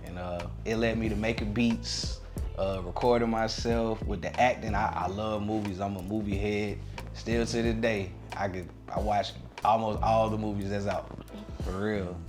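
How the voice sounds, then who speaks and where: Young man, interview guest, relaxed slang, music behind. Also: lowish voice, moderate pace. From Atlanta area. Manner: laid-back, relaxed slang. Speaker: guest, recording artist. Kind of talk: casual interview chat.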